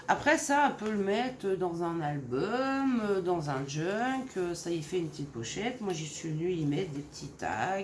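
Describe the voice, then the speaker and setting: A woman from Normandy in France, casually showing her handmade crafts in a gentle, hesitant way with many fillers. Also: on the low side. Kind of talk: casual craft show-and-tell. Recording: roomy echo, faint background noise.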